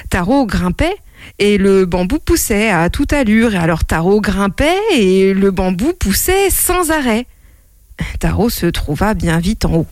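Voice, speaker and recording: A woman storyteller reads a children's tale aloud at an unhurried pace. Her pitch rises and falls expressively, drawing out key words. The recording is close and dry. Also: darkish tone, no room sound.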